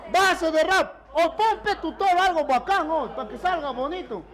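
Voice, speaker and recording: A man with a Peruvian Spanish accent, a history teacher leading his class in a shouted rap chant, calling out lists to his students. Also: very high-pitched, moderate pace. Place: crowded classroom. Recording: loud music and crowd noise. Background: loud beat and shouting students.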